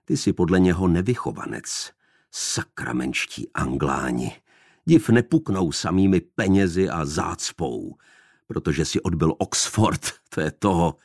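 A plump, jovial young man mocks and banters in a theatrical, low voice that leaps up and down in pitch, as a male reader puts him on. The sound is close and dry, with no room around it. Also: expressive, gravelly, husky, no echo, exaggerated voice. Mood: bantering.

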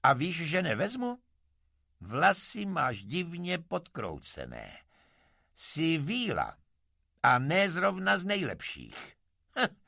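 A man voicing a shrewd older carter in a folk tale, gruff and wary. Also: medium pitch, huge pitch swings, pushed and bright, no room sound, studio quality, voice pushed up, exaggerated voice.

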